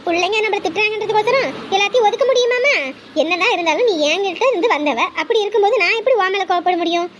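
A middle-aged woman speaks in a very high, fast voice as she soothes and reassures. She acts in an amateur family drama, with faint room noise behind her. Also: fairly bright tone. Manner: soothing, motherly. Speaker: actress playing a mother.

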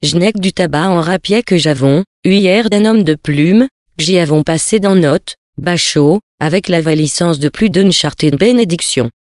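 A rough river boatman with a hoarse voice rambles through a folksy yarn, as a reader puts him on. The recording is dry and close, the pitch mid-range. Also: normal speed, hardly any pauses, dry recording, close to an everyday voice. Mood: gruff.

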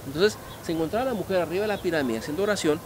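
Guide, middle-aged man, slightly high voice, animated storyteller, outdoor noise. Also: very fast. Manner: animated, gesturing, asks the audience questions. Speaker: museum guide. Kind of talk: storytelling tour explanation. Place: outdoor park museum among statues.

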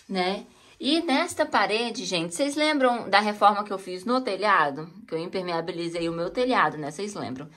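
A woman with a mid-range voice is a home vlogger giving a casual tour, chatting to viewers and pointing things out as she walks through her house. She's in a cold stone basement indoors, filmed on a handheld phone camera. There's slight background noise.

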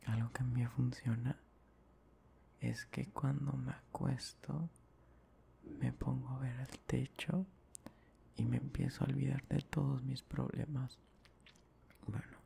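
A man's voice: medium pitch, a little hiss or hum. A young man playing an affectionate boyfriend in an ASMR ASMR role-play, murmuring tenderly and breathily to soothe his partner to sleep. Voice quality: breathy soft voice. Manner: slow, tender, repetitive murmuring. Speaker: ASMR performer.

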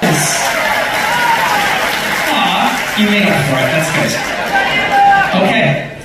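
A man's voice: a little high, expressive, slow pace, loud music behind the voice. An upbeat, playful man hosting a live game show as a cruise director, teasing as he goes. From Canada. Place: large indoor ship theater stage. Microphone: handheld mic, picked up by distant audience camera. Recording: echoey theater from far off, loud crowd noise.

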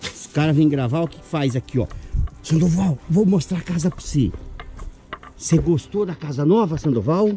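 A man with a Brazilian accent talks excitedly to his followers on camera, coaxing and calling out over and over. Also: a little high, moderate pace, soft background music. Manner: coaxing, repetitive, calls out often. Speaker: vlogger.

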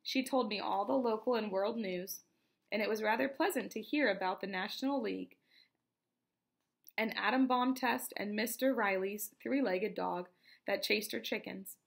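A woman reading a novel aloud in a steady, unhurried storytelling manner. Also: mid-range voice, gravelly. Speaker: reader.

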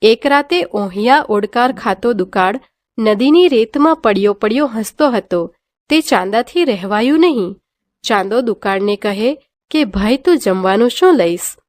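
A woman's voice: fairly high pitch, unhurried, no echo, studio quality. Woman reading a children's story aloud. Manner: lively sing-song reading with sound words. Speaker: teacher reading a textbook story.

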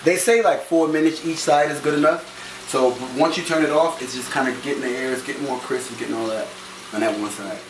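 In a small home kitchen, a man in his thirties cooks and banters through a casual show, tossing out jokes and loose swearing. He's a fast talker with a mid-range voice and fairly even intonation. A camera mic across the room gives the recording a distant, noisy, echoey quality.

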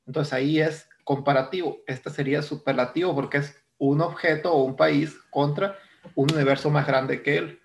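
Male English teacher with a Mexican Spanish accent, fairly high and gravelly, walking students through a lesson patiently and repeating key terms. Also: fairly even intonation, moderate pace, slight background noise. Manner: explains step by step, repeats terms, asks "¿no?". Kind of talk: recorded online grammar lesson.

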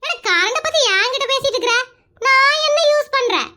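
A woman's voice: expressive, a little fast, pushed and bright, heavily acted. A woman voicing a grumbling old village mother-in-law in a cartoon, complaining and defensive. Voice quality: very high squeaky cartoon voice.

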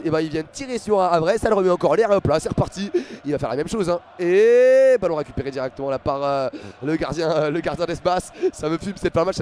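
A young man with a French accent calls a football match live for his stream, talking fast in a high voice. He is excitable and fills his talk with hesitations as he chats with his viewers. A faint hum sits behind his voice. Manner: excitable, many fillers, talks to chat viewers.

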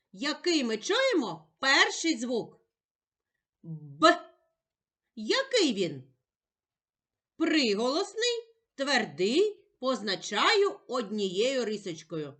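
A woman teacher speaking slowly and clearly to young children, drawing out each sound. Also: fairly high pitch, huge pitch swings. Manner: gentle, sing-song, drawing out sounds. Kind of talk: slow, clearly articulated lesson for young children.

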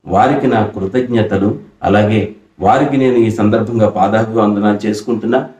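A man's voice: on the low side, a little mellow. A middle-aged man from Andhra Pradesh teaching pronunciation for singing, explaining patiently and singing short example phrases. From Andhra Pradesh, India. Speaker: music teacher. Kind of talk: pronunciation lesson with sung examples. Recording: roomy echo.

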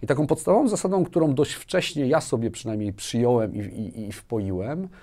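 A man in his forties, a business manager appearing as an interview guest, speaks conversationally in a warm, medium-pitched voice at a slightly fast pace. He tells personal anecdotes and frequently adds tag questions, recorded on a lapel mic in a small, furnished indoor studio.

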